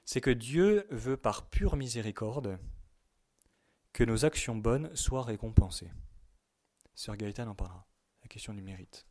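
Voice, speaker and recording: A man delivering a religious teaching talk in a dark, mellow voice. He speaks in a measured way and leans hard on the words he wants to stress. He sometimes reads quotations aloud. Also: mid-range voice, lively intonation. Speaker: teacher at a youth retreat.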